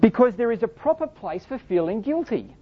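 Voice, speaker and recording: A woman's voice: a little high, big pitch swings, a little fast, slight background noise. A woman preaching a sermon in an earnest, explanatory way, asking rhetorical questions and reading scripture aloud. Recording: dull lo-fi recording.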